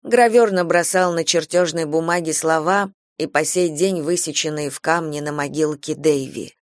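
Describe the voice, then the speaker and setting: A man reading a first-person literary novel aloud as an audiobook, in an even, measured way. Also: fairly high pitch, dry recording, clean studio sound. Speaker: audiobook reader.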